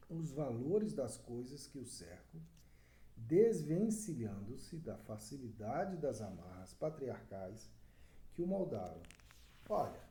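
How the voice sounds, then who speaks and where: Brazilian guy teaching grammar, talks real slow n deliberate, echoey room. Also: medium pitch, mellow. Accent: Brazilian Portuguese. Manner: slow, deliberate, counts syllables aloud. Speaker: Portuguese teacher. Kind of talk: exam-prep lesson. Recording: roomy echo with faint background noise.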